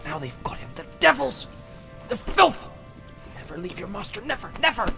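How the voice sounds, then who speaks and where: A man voicing a loyal young male hobbit, crying out desperately in a high voice. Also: very animated, normal speed, gravelly, over music, heavily acted. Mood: frantic.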